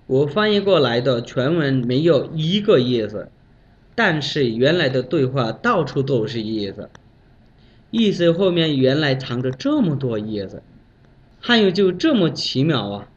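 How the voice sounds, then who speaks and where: Animated foreign man speaking Mandarin, dull recording. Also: mid-range voice, measured pace. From Bangladesh. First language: foreigner speaking Mandarin as a second language. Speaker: foreign learner presenting a language talk. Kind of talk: prepared talk with anecdotes. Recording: dull, lo-fi sound.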